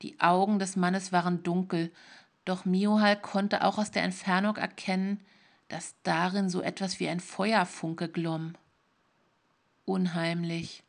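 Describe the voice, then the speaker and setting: A woman narrating a fantasy story in a calm, measured way. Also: on the low side, gravelly. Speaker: audiobook narrator.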